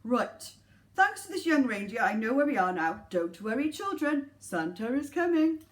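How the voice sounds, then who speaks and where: Woman playing hearty, jolly old Santa, loud and animated. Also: fairly high pitch, normal speed. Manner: hearty, exclaiming. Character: jolly, chubby old Santa Claus, male, booming.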